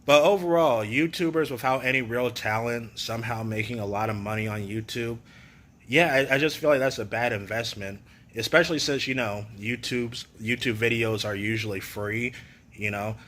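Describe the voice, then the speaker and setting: A man's voice: medium pitch, moderate pace, a bit bright. A man giving a casual, opinionated rant to camera, sarcastic and full of "you know" fillers. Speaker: YouTube commentator.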